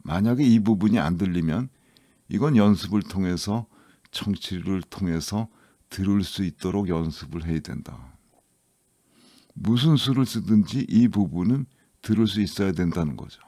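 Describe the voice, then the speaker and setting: A man teaching English listening in a lecture, explaining rules slowly and reading English examples aloud. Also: sits low, dark tone, dry recording, clean studio sound. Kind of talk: scripted lecture narration.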